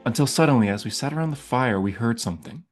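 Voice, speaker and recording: A man hosting a channel, telling eerie stories and walking listeners through a tabletop role-playing setting he built, with hushed passages that build suspense. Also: mid-range voice, animated, fast talker, loud music behind the voice. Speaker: game master and channel host. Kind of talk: narrated tabletop setting guide.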